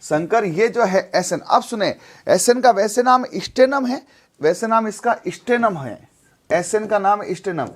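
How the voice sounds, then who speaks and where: A high-pitched man teaches a chemistry class. He drills the point over and over, asking a question and then answering it himself. His tone is that of a classroom lecture. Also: expressive, measured pace.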